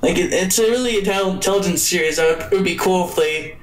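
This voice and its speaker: A man's voice: sits high, quick pace. A man co-hosting a podcast, rambling casually with restarts and frequent laughs about an anime episode. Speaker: podcast co-host. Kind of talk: casual anime review chat. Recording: echoey room.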